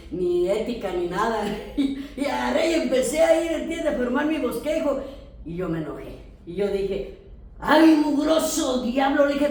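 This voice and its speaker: A woman pastor with a Mexican accent, teaching a church class in a lively storytelling way and speaking straight to her listeners. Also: on the high side. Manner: animated storytelling, addressing listeners directly. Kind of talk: sermon-style teaching with testimony. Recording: very echoey room, distant mic.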